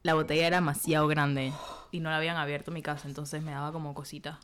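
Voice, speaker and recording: A woman's voice: sits low, level tone, quick pace, a bit bright. A young woman co-hosting a casual podcast drinking game, teasing and pushy, full of slang. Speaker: podcast co-host.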